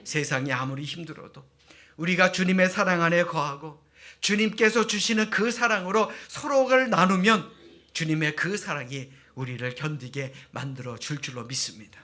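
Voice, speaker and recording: A man's voice: a little high, normal speed, sharp tone. A male pastor preaching a sermon in a church, asking the congregation emphatic rhetorical questions.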